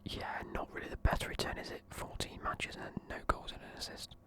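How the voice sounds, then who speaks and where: Sleepy whispering young man. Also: a little fast. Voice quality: whispering throughout. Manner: casual, sleepy, swears offhand. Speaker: video creator. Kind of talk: whispered football team review.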